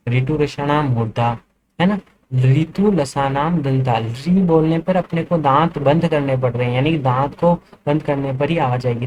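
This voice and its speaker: A man's voice: mid-range voice, a little mellow, slight background noise, low-quality recording. A man lecturing as a teacher, explaining step by step and answering his own questions. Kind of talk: classroom lecture.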